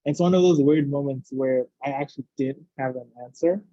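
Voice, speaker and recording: Mellow-voiced man from Uganda, muffled call audio. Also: medium pitch, brisk, no echo. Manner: reflective, relaxed storytelling. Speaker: guest, former volunteer. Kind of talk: casual interview storytelling.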